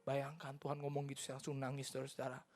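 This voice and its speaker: A woman's voice: very deep voice, completely flat delivery, rapid-fire, faint music behind. Earnest Indonesian-accented woman giving testimony. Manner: switches between Indonesian and English mid-sentence; earnest and emotional, dropping to soft near-whispers. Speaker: church testimony speaker. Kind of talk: personal testimony in a sermon. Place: church.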